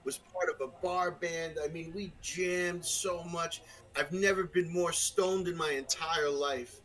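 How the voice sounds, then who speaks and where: A man's voice: a little high, fairly even intonation, a little slow, fairly bright tone, low-quality recording. A middle-aged man with a Brooklyn New York accent, talking frankly and rambling as a podcast guest, with lots of fillers and restarts. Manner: frank, crass. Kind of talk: casual conversation.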